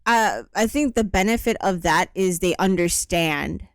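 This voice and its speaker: A woman in her thirties chats casually as a podcast co-host, rambling easily from one thought to the next. Her voice is smooth and sits a little low for a woman. The sound is dry and close, with no room echo. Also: lively intonation, measured pace. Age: 30s. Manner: easygoing, rambling with fillers. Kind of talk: casual chat.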